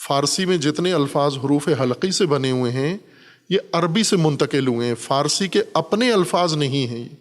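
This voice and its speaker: A man's voice: a little high, expressive, in a large hall. A man giving a Quran commentary lesson, explaining patiently with repeated examples. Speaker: Quran teacher. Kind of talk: Urdu Quran commentary lecture.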